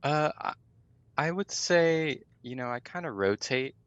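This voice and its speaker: A man's voice: fairly high pitch, lively intonation, a little slow, a bit bright, no room sound, lo-fi sound. A man in his twenties from California, a podcast guest who talks in a chill, easygoing, laid-back way. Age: 20s. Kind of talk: casual podcast chat.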